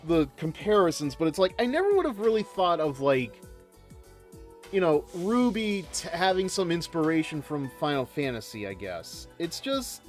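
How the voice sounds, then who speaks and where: A man's voice: fairly high pitch, sing-song, moderate pace, soft background music. A man chatting casually as a video game streamer, rambling and hesitant as he gives live commentary.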